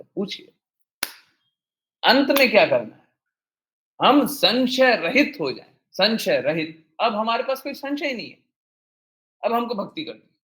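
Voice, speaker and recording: A man's voice: a little high, fairly bright tone, low-quality recording. A man giving a devotional talk as spiritual teacher, answering listeners' questions earnestly and repeating key phrases.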